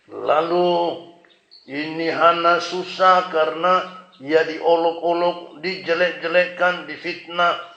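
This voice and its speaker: Slow, high-voiced man preaching a sermon. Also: pushed and bright. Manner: preaching with dramatic pauses and exclamations; acts out a husband's tender speech. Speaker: pastor. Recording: echoey room, dull lo-fi sound.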